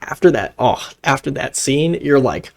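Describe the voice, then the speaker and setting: A man casually recapping a horror film, rambling and excitable, with laughs and swearing. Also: medium pitch, moderate pace, gravelly, soft background music.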